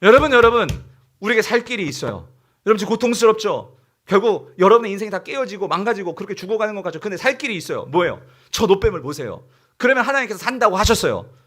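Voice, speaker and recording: A man's voice: high voice, big pitch swings, quick pace, fairly bright tone, heavily acted. A man preaching in character as Moses, an old prophet urgently pleading with his people to look and live.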